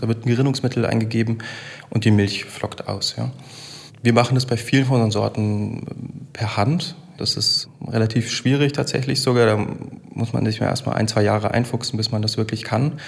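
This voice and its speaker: Man, gravelly voice, matter-of-fact explanation, interview clip. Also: mid-range voice. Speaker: tofu maker interviewed.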